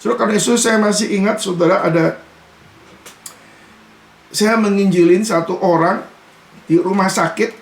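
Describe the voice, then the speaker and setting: A male pastor preaching in a chatty, conversational way, keeps turning to address the congregation directly. His voice sits high for a man and carries a gravelly, creaky edge. The sound is echoey, as in a reverberant church hall. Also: moderate pace, long pauses. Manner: mixes in English "you" and casual Jakarta-style particles. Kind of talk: sermon. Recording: echoey room.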